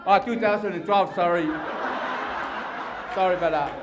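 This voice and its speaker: A middle-aged man with a Samoan accent giving a father of the bride wedding speech, deliberately pausing for comic effect. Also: high voice, crowd noise. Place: wedding reception venue. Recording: echoey venue with audience and background noise.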